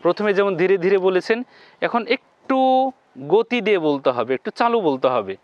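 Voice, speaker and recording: A man with a fairly high voice teaches Quran pronunciation, sounding out each syllable slowly and repeating it so learners can follow. He thickens the Arabic sounds with a heavy nasal tone. The recording is dry and a little dull. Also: big pitch swings, no room sound. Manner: slow, repeats syllables for viewers to copy. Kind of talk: step-by-step lesson on pronunciation.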